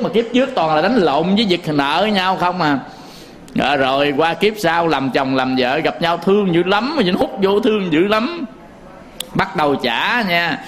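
Man, Southern Vietnamese accent, Buddhist sermon, chuckling storyteller, talks straight to the audience, fairly high voice. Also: a bit bright. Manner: folksy storytelling, chuckles often; addresses listeners directly. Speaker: Buddhist monk teacher.

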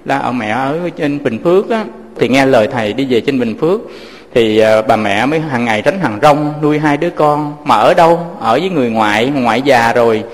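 A man, a Buddhist teacher preaching gently to listeners he calls his children and telling moving stories. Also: medium pitch, a little fast, in a large hall. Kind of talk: sermon with storytelling.

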